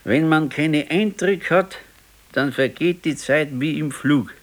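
Fairly high-pitched and slow, a male actor voices a sick 68-year-old husband who is discontented and regretful. He talks plainly with a Bavarian accent in naturalistic 1970s radio play dialogue, carrying a mood of brooding regret.

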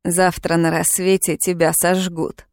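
A woman voicing a pompous, fanatical male witch-hunter who jails a witch, hissing and turning shrill when angry. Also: little pitch movement, a little slow, no room sound, clean studio sound.

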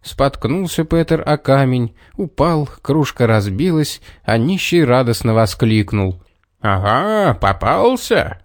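Man, storybook narration, expressive, lively pitch, dry close recording. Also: unhurried, hardly any pauses, no room sound.

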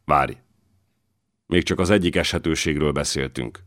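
A man's voice: rumbling low, a bit bright, no echo, clean studio sound. A man voicing a sly, scheming aging voivode with an insinuating manner in an audiobook.

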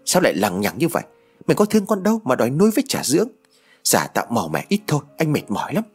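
A man's voice: medium pitch, wildly swooping pitch, fast talker, a little mellow, husky, soft background music, pitched above the performer's own voice, full character voice. A man voicing an angry, short-tempered husband in an audio story. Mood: exasperated.

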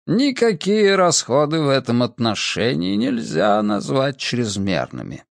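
A man voicing an old, hunched rich benefactor who speaks slowly and grandly. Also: medium pitch, big pitch swings, gravelly, dry recording, studio quality. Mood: grand, modest. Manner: slow, drawn-out grand speech.

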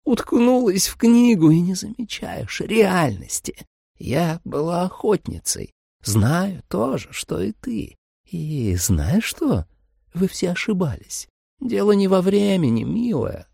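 A man's voice: high voice, sing-song, gravelly, dark tone, breathy edge, no echo, studio quality, voice pushed up, exaggerated voice. A man doing a crooning vampire mother. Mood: crooning menace. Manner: slow, crooning, menacing. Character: seductive cruel vampire mother, woman.

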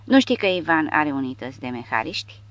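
Lady doing a scornful legionnaire guy, low voice, fed up, dry close sound. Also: very animated, no echo, dull audio. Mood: exasperated. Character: worldly male legionnaire, scornful but calm.

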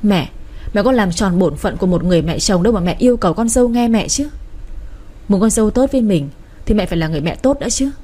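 A woman's voice: mid-range voice, animated, fast, mellow, lightly acted. Woman reading as a wronged, pleading young wife. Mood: bitter reproach.

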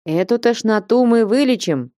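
A woman's voice: a little high, lively intonation, normal speed, dry recording, clean studio sound, pitched above the performer's own voice, close to an everyday voice. Woman reading as a hot-tempered old merchant father. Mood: coaxing. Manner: commanding, blustering, shouting in anger.

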